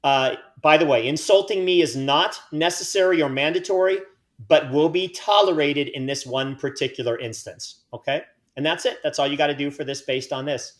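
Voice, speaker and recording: Guy hosting a podcast, jokey and self-mocking, kinda higher voice. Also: normal speed. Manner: joking, self-mocking banter. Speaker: podcast host. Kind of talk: casual podcast chat.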